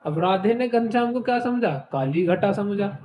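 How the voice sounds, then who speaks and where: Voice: mid-range voice, expressive, normal speed, a little mellow, roomy sound, slight background noise. A Hindi teacher leading an exam-prep class, explaining with everyday examples, asking questions and checking in often. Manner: asks rhetorical questions and says "ठीक है" often.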